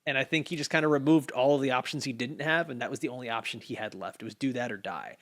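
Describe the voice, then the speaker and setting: A man's voice: medium pitch, fast. Laid-back man recapping a TV show. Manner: laughs often, animated storytelling with acted quotes. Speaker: podcast co-host. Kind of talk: casual TV recap chat.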